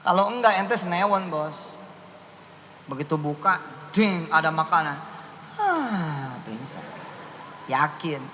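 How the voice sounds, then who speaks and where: A male preacher jokes and teases his listeners in slang. His voice sits high and sounds bright. The recording carries the long reverb of a hall and a faint hiss. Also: sing-song, takes it slowly, long pauses. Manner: playful, teasing, mixes slang and Quran recitation. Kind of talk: joking sermon.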